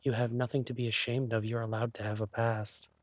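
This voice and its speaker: A man playing an insecure, lovesick thief boyfriend in a romantic audio role-play, speaking haltingly and tenderly. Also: medium pitch, little pitch movement, no echo, lightly acted. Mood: insecure, downcast. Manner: hesitant, halting, sighing delivery.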